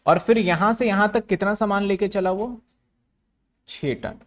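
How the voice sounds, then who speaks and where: A man's voice: high voice, a little slow. A man teaches an online commerce class. He walks through a worked example step by step, repeating phrases and asking questions aloud before answering them himself. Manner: repetitive, asks and answers his own questions.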